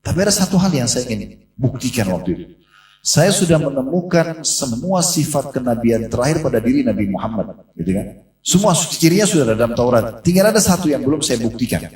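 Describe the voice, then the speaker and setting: A man's voice: mid-range voice, lively intonation, a little fast, a little mellow. A man preaching a sermon in a mosque, telling a story and acting out the voices in it. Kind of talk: sermon to a congregation. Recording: echoey room from a distance.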